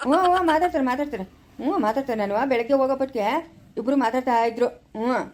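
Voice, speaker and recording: A chatty, teasing village woman, played by a woman in a rural comedy skit. She speaks with a rural Chikkaballapur accent and a high, quick voice. She is keen to spread the news. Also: a little mellow, natural voice. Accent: Chikkaballapur rural Kannada.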